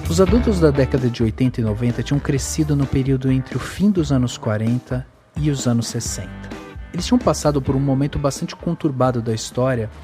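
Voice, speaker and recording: A man with a Brazilian Portuguese accent giving measured, explanatory scripted narration for a film podcast. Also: medium pitch, darkish tone.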